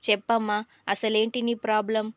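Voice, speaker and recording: A woman's voice: a little high, little pitch movement, normal speed, no room sound, clean studio sound, close to an everyday voice. A woman voicing a patient, flustered middle-aged male exam invigilator who coaxes a crying student. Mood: coaxing. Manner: coaxing, fatherly.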